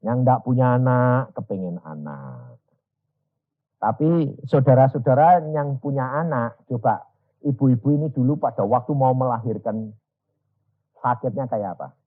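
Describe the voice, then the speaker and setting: A man's voice: medium pitch, unhurried. A man preaching a storytelling sermon, acting out dialogue and addressing the congregation directly. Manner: animated, acts out dialogue, addresses congregation as "saudara". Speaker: evangelist preacher. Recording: dull lo-fi sermon recording.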